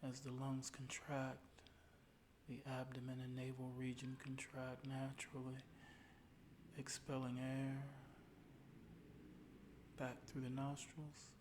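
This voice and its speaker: A man with a medium-pitched voice guides a meditation, speaking calmly, soothingly, and without hurry. His phrases trail off softly and breathily, and there is background noise.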